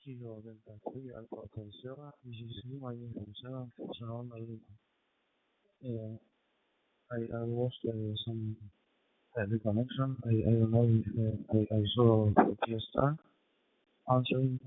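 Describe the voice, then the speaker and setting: A man from Argentina working an amateur radio contact. He is heard over a shortwave radio link, spells out call signs and talks haltingly with many fillers and restarts. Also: medium pitch, level tone, no room sound. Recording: tinny radio line, dry.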